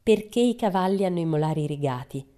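A woman's voice: lowish voice, expressive, fast, mellow, pitched above the performer's own voice, close to an everyday voice. A woman voicing a strict, cold schoolmistress in a storybook reading, severe and prim. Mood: stern.

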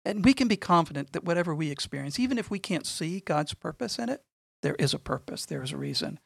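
A middle-aged man speaking earnestly and in a measured way, sharing a personal testimony in conversation. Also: on the high side, expressive, creaky, no echo, clean studio sound. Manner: earnest, measured, repeats phrases for emphasis. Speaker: guest speaking on faith and suffering.

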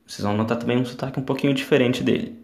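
A man's voice: mid-range voice, fairly even intonation, very fast, creaky, darkish tone, roomy sound. A man hosting a podcast lesson, explaining and talking directly to his learners. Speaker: podcast host and English teacher.

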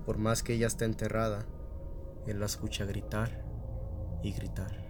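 A man's voice: on the low side, little pitch movement, moderate pace, very noisy. A man hosting a radio show, telling a short spooky story with dramatic repetition and casual fillers.

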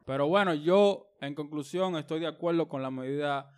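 A man's voice: on the high side, moderate pace, darkish tone, clean tone. A man with a Dominican accent chatting casually with friends, emphatic and ranting about noise. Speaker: panelist. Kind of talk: casual group chat.

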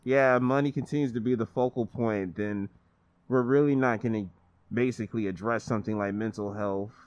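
Man, American accent, lowish voice, informal podcast guest, laid-back slang, backyard setting. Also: fairly even intonation, normal speed, a little mellow, no room sound, lo-fi sound. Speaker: podcast guest, music artist. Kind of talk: casual chat. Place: outdoors in a backyard.

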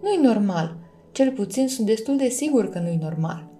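A woman's voice: on the high side, animated, dark tone, soft background music, lightly acted. A woman voicing a small, fussy male dragon who is plaintive and easily offended, in a storybook reading. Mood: insistent.

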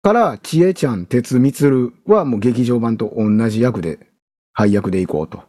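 A man with a Kansai accent co-hosting a podcast in casual chat, relaxed as he tells the story, with playful jokes. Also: mid-range voice, moderate pace. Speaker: podcast co-host.

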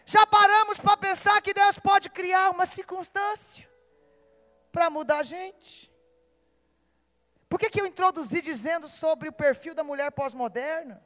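A woman's voice: high voice, a bit bright. A woman pastor with a Brazilian Portuguese accent preaching a sermon, telling an emotional story and calling out directly to her listeners. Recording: echoey hall reverb.

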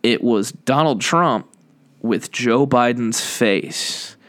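A man's voice: medium pitch, slow pace, fairly bright tone. A man from the hosting a casual podcast, rambling with many fillers and restarts and laughing often. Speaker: podcast host. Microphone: studio microphone.

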